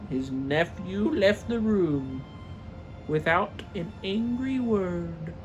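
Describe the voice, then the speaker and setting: A woman's voice: fairly low pitch, animated, takes it slowly, faint music behind. A woman narrating a storybook in a theatrical reading style. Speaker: story reader.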